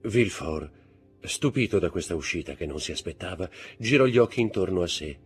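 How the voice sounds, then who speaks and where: Low husky guy reading an old novel, dramatic, bit of quiet music behind. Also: expressive, a little fast. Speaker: audiobook narrator. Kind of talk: scripted narration of a classic novel. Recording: faint background music.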